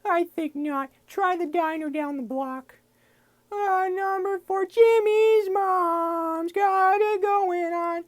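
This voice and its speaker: Someone doing a comic impression of a timid, whiny cartoon boy, with a nasal voice and halting delivery that stretches out words. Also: very high voice, fairly even intonation. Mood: hesitant, earnest. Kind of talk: comic impression challenge, short catchphrases.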